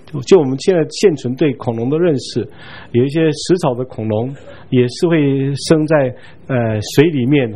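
A man giving a Bible study lecture in a relaxed, chatty way, chuckling now and then and checking in with his listeners. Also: mid-range voice. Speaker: Bible teacher.

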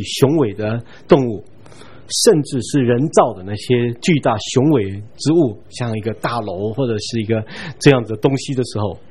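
A man giving a Bible study lecture in a relaxed, chatty way, chuckling now and then and checking in with his listeners. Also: fairly low pitch, slight background noise. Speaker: Bible teacher.

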